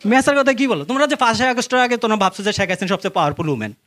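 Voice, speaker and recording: A man's voice: sits high, animated, racing, a bit bright. A young man with a Bangladeshi accent doing conversational stand-up comedy, telling stories to a laughing crowd. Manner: conversational storytelling, addressing the audience and acting out dialogue. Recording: live stage recording with faint noise.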